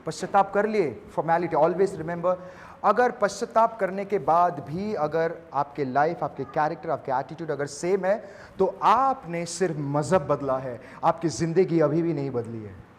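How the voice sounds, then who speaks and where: A male pastor, preaching an animated sermon that mixes Hindi and English and acts out little scenes. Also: fairly high pitch, unhurried, a little hiss or hum. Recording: reverberant hall.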